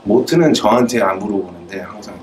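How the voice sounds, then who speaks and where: A man's voice: on the low side, a little fast, a little mellow, slight background noise. A man in his thirties with a Korean American accent, hosting a casual interview in simple, loosely built phrases. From United States. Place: indoor rehearsal room with drum kit. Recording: distant mic, music behind.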